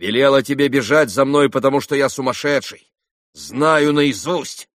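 A man's voice: lowish voice, unhurried, no room sound, clean studio sound. A man reading an audiobook, voicing an irritable, brooding young man who speaks curtly. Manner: curt, irritable.

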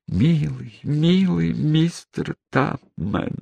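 A man reading the part of a swooning, hysterical middle-aged spinster aunt in a high, breathless voice. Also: animated, takes it slowly, vocal fry, mellow, slightly rough, lo-fi sound, heavily acted. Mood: tender. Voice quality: shrill, breathless.

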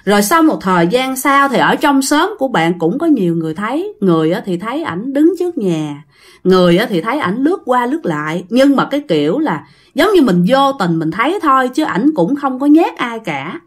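A woman with a Southern Vietnamese accent tells a ghost story chattily, speaking straight to her listeners. Her voice is on the high side, fairly quick, with big swings in pitch.

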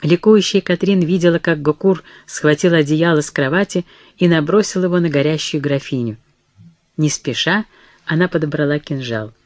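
A narrator giving a steady, measured audiobook reading of a historical novel, voicing the dialogue quietly. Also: mid-range voice, dry recording.

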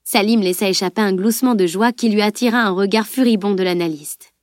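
A woman narrating a novel in a steady, clear reading voice. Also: mid-range voice, a little fast, dry recording, studio quality. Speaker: audiobook narrator. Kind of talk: audiobook narration.

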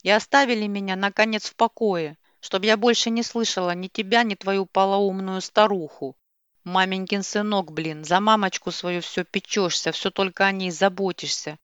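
A furious young mother screams her grievances in a loud, sharp voice, voiced by a woman reading a story aloud. She is spiteful and relentless. The recording is dull and dry, with no room sound. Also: medium pitch, fairly even intonation, moderate pace, clear, resonant tone, no echo, lightly acted. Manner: screaming insults.

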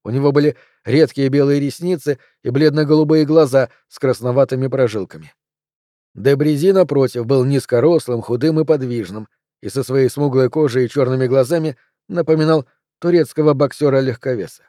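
A man reading a novel aloud in measured, even narration. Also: medium pitch, no room sound, studio quality. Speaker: audiobook reader. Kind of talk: scripted narration.

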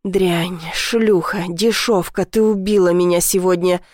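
A woman voicing a rough, possessive man with a hoarse, growling voice in an audiobook, speaking slowly and menacingly. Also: lowish voice, steady tone, darkish tone, dry recording, studio quality, close to an everyday voice. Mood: commanding. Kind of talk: audiobook character voice.

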